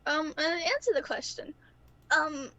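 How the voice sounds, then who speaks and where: A woman's voice: sits high, expressive, moderate pace, bright, forceful tone, lo-fi sound. A woman who is sick with a cough, chatting casually as a player on a tabletop show. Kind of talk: casual chat.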